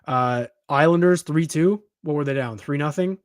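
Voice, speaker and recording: Guy co-hosting a sports podcast, kinda high voice, punchy and emphatic, dry close mic. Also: normal speed, dry recording. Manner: emphatic, animated, frequent restarts. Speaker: podcast co-host. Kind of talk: casual sports talk.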